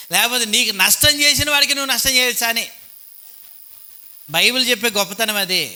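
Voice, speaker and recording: A man with a Telugu accent preaches to his congregation through a cheap handheld microphone. His voice sits high and sounds very bright and cutting. He keeps it conversational, putting questions to the listeners and mimicking the grudging thoughts of ordinary people. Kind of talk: sermon. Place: church hall.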